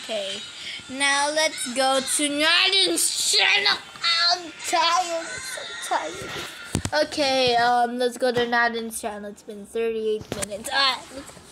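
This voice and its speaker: A teenage girl vlogger chats casually over a screen recording of her phone, giggly and easily distracted. She speaks slowly in a high-pitched voice into a phone mic, with background noise audible.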